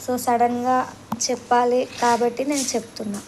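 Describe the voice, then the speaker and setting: A woman with a Telangana Telugu accent, calmly and firmly explaining a decision in a casual vlog. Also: fairly high pitch, moderate pace, a little hiss or hum, poor audio. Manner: calm, firm, explaining. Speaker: vlog team member.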